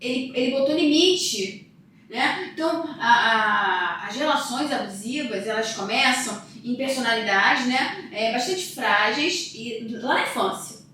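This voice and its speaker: A woman's voice: a little high, expressive, a little slow, sharp tone, recorded from a distance, slight background noise. A woman in her thirties, a psychologist who is a guest on a podcast, talking casually and telling stories with emphasis. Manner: storytelling, emphatic. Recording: echoey room, voice from off-mic.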